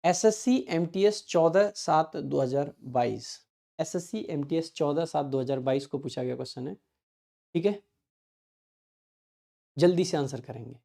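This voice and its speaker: A man teaching English grammar in an online exam-prep lesson. He reads the example sentences slowly, word by word, and keeps asking his students quick check questions. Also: on the high side, creaky, mellow.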